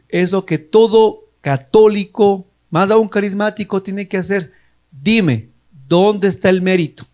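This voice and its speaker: A man's voice: high voice, a little mellow. A man preaching a sermon to a charismatic prayer group, emphatic, repeating phrases and acting out quoted dialogues.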